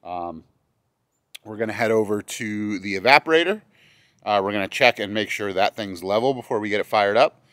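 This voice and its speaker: A man in his thirties, outdoors in a snowy yard, casually explaining a homestead task step by step in a relaxed, thinking-aloud way. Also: on the low side, moderate pace, no room sound. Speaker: homesteader vlogger. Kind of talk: casual how-to narration. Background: background music.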